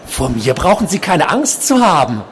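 A man voicing a soft-spoken, obsessive male psychiatric patient, quiet and insistent, while reading from his novel. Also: on the high side, very animated, moderate pace, slight background noise, voice pushed up.

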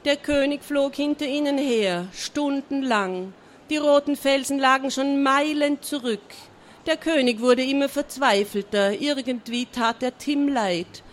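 A woman reading a children's adventure story aloud in a lively, expressive way, with small slips. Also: high-pitched, unhurried.

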